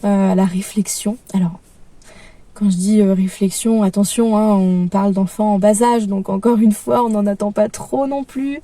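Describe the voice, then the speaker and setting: Woman, young adult, calm, gentle, hesitant, mellow tone, dry sound, mic a bit distant. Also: medium pitch, normal speed, no room sound. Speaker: parenting vlogger. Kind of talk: casual advice talk.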